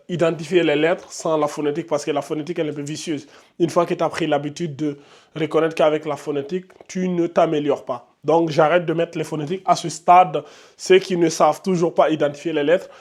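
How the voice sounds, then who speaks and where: A man's voice: on the high side, a little mellow. Man drilling Arabic letter sounds. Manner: drills sounds aloud, stressing letter names; addresses viewers directly, frequent checks. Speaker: Arabic teacher. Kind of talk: whiteboard lesson.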